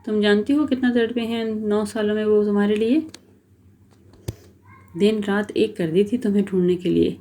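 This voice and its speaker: A woman reading the lines of a sharp-tongued young wife, taunting and mocking. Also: medium pitch, gravelly, natural voice. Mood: scolding.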